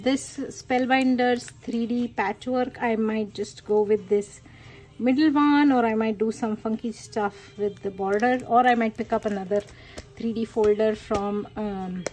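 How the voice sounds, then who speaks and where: A woman's voice: fairly high pitch, a little mellow, rough recording. A woman talking casually through a card-making tutorial, chatty and enthusiastic, thinking aloud with many fillers. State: hiccuping. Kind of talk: casual craft tutorial talk.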